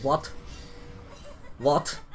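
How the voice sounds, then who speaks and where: A young man from Turkey giving excitable live commentary over his own gameplay, exclaiming and grumbling as things go wrong. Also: extremely slow, soft background music. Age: young adult. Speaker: gaming YouTuber.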